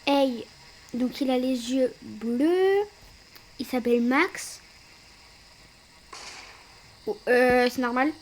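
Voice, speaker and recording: A woman giving casual let's-play commentary indoors at night. She bursts into loud exclamations and drops into hushed, whispered asides. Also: high voice, extremely slow, long pauses, a little hiss or hum. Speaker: gaming video creator.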